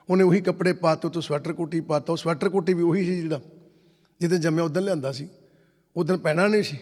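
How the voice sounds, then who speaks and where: Man preaching, storytelling, voice a bit high, big echoey hall. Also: darkish tone. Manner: storytelling, acts out dialogue in quotes. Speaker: Sikh preacher. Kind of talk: sermon. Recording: long hall reverb.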